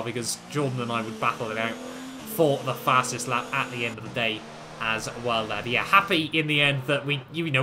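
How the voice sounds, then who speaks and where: A man's voice: medium pitch, background noise. A man giving conversational, rambling commentary on a racing video game he played. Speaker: gaming video host, league racer.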